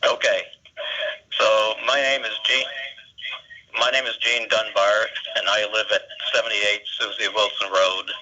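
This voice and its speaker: A man heard over a phone held up to another phone, giving a slow, deliberate public comment at a meeting. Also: fairly low pitch, flat delivery, sharp tone. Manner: slow, deliberate, measured delivery. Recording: muffled lo-fi phone line with faint hiss.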